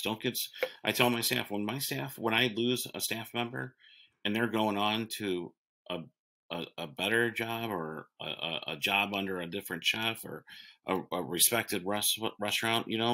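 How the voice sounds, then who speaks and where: A man in his forties with a very low, bright and forceful voice, a chef telling an interviewer about opening restaurants. He rambles, circles back and restarts his sentences, with plenty of fillers along the way. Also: normal speed. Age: 40s. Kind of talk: casual interview.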